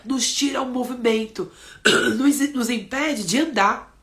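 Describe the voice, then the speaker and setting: A woman's voice: a little high, takes it slowly, a bit bright. A woman with a Brazilian accent giving an emphatic motivational talk, often checking in with "né?". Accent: Brazilian Portuguese. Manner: earnest, emphatic, admonishing, with many "né?" tags. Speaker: speaker on insecurity and parenting.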